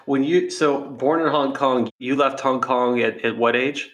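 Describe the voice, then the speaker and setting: A man's voice: mid-range voice, fairly even intonation, measured pace. A man hosting an interview podcast, introducing his guest and steering the chat with friendly questions. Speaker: podcast host.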